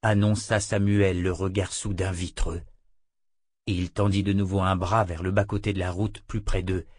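A man narrating an audiobook in a measured, dramatic reading. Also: deep voice, little pitch movement, no echo.

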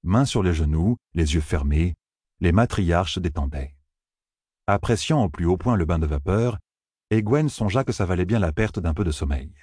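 A man narrating a fantasy novel in a measured, even reading. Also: low voice, breathy edge, dry recording, studio quality. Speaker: audiobook narrator.

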